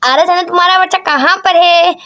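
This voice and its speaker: Woman voicing a brisk fussy village doctor. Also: very high-pitched, bright, forceful tone, pitched below the performer's own voice. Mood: reassuring. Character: caring village doctor, a man.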